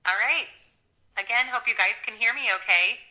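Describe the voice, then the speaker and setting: A woman's voice: fairly high pitch, moderate pace, bright, forceful tone. A woman on a phone call, heard through a phone on speakerphone and giving brief, plain replies. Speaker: host's wife on a phone call. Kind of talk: casual phone chat. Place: on the far end of a phone line, played into a studio mic.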